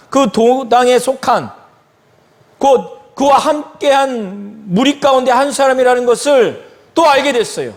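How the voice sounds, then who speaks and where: A man preaches a sermon in a church at an unhurried pace. His voice sits high and swings widely in pitch, and he acts out the speakers in the Bible story he retells. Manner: slow storytelling of a Bible passage, acting out the quoted lines. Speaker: pastor.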